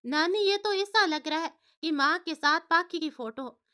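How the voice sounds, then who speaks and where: A woman's voice: extremely high pitch, normal speed, sharp tone, voice pushed up. A woman doing a curious young grandson. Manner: questioning.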